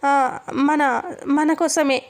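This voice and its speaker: A woman's voice: high-pitched, steady tone, very slow, exaggerated voice. A woman voicing a scheming, proud woman of a wealthy family, retold plainly in her own voice. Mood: scornful.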